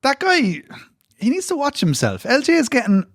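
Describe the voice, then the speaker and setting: A man's voice: very high voice, huge pitch swings, normal speed, no room sound, clean studio sound. A man co-hosting a wrestling podcast, rambling and mock-indignant in casual banter.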